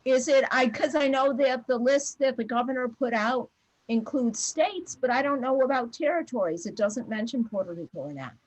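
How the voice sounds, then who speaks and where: A woman math teacher chatting briskly and warmly with her students on a video call, with lots of fillers. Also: sits high, expressive, no echo, rough recording. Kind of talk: casual talk with students after class.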